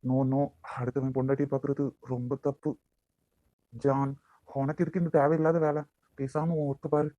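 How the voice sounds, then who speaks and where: A man plays a lovestruck young man in a homemade cartoon, with a Nagercoil accent. His voice is mellow and dark. He muses to himself in a dry, close recording. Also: mid-range voice, level tone, moderate pace, no room sound, natural voice. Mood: musing. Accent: Nagercoil Tamil. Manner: talks to himself, wheedling. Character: young man, affectionate fiancé and lovestruck taxi driver. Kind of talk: cartoon voice acting.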